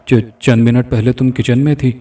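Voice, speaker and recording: A man's voice: on the low side, steady tone, dark tone, natural voice. A man doing a stammering, terrified young man. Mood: frightened. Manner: stammering, fearful. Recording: distant mic with faint music.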